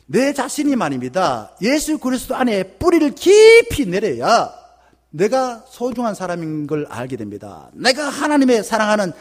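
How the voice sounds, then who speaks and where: A man's voice: high voice, moderate pace. A male pastor with a Gyeongsang Korean accent preaching a sermon in church, often acting out little dialogues. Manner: lively preaching with acted-out dialogue. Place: church sanctuary.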